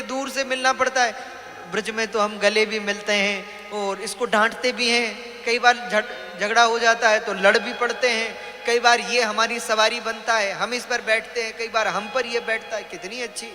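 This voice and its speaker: A man voicing young village cowherd boys who loudly scold and plead with their friend. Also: very high voice, fairly even intonation, normal speed, heavily acted. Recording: reverberant hall with music.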